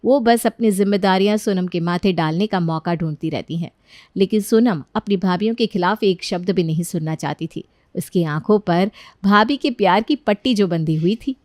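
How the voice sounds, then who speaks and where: A woman narrating a cartoon story in calm, scripted storytelling. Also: fairly low pitch, moderate pace, dry recording, clean studio sound.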